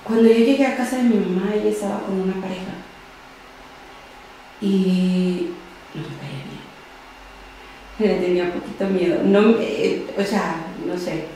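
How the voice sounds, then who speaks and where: A young adult woman, a podcast guest telling her own story in an interview, speaking softly and often trailing off quietly. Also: medium pitch, a little slow, long pauses, a little hiss or hum. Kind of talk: personal testimony in an interview. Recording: very echoey room.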